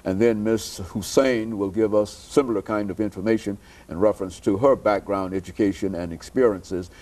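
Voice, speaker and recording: A man hosting a television interview, speaking slowly with many hesitant fillers. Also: on the low side, fairly even intonation, a little mellow. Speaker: host.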